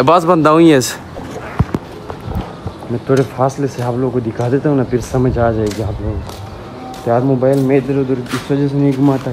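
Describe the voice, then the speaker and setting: A young man in his twenties talks casually to the camera of a phone held at arm's length, giving a walking tour outdoors. His pitch sits in an ordinary middle range, and he keeps tagging "na" onto his lines. Clear outdoor noise and birdsong fill the background. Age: 20s. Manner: chatty, keeps tagging "na" onto lines while showing viewers around. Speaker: vlogger. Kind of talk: casual home-tour vlog. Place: outdoors on a rooftop and a village yard.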